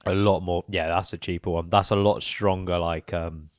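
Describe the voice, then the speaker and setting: A young British man co-hosts a casual podcast, quizzing his friend and punctuating answers with emphatic slang. His voice sits low. He is recorded close in a dry room. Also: fairly even intonation, moderate pace, no echo. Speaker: podcast co-host. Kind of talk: casual chat.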